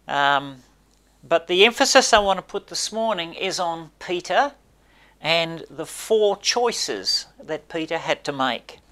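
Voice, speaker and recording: An older man preaching a sermon in a small church, emphatic and gesturing, his voice dropping low at the ends of points. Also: expressive, slow, pushed and bright. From Australia. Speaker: pastor. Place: small indoor church space by a brick wall.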